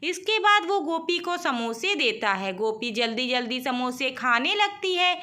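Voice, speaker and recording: A woman telling a moral story aloud, high and bright, reading in a plain, steady narration style. her lines link the scenes in a clear, even manner. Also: measured pace.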